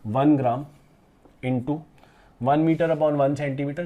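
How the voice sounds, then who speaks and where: Male physics teacher, mellow and slightly high-pitched, patient step-by-step classroom explainer who keeps questioning his students. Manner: calls students "beta" and "bachche" fondly; mixes English terms into his speech. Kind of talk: classroom lecture at a board.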